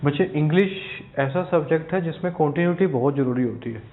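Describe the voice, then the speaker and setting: A male teacher explains grammar patiently and step by step, repeating key terms and pausing to check that his students follow. His voice sits fairly high for a man. The recording sounds thin and phone-like, with a hollow echo from the room. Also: a little hiss or hum. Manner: repeats key words for stress. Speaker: English teacher. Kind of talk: recorded video lesson for exam aspirants.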